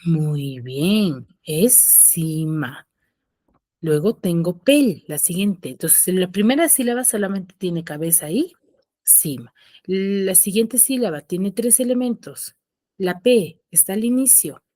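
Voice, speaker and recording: A woman teacher talks slowly and patiently, asking her class questions and then answering them herself. Her fairly low, mellow voice swoops up on each question and sinks at the end of every phrase. The sound is dry, with no room echo. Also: expressive. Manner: pitch rises on questions, drops low at ends of phrases. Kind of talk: recorded online class.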